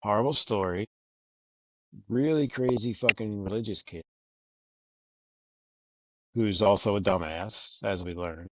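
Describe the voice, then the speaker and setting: A man with a lowish voice co-hosts a casual podcast about a book, unhurried and pausing often as he rambles, jokes and swears plenty. The audio is dull and lo-fi, without room sound.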